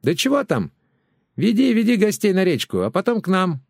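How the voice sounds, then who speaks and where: Guy doing a loud nosy village woman yelling over the fence, high pitched, audiobook. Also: big pitch swings, moderate pace, gravelly, slightly rough, no room sound, clean studio sound, heavily acted. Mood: brash. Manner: shouting, brash.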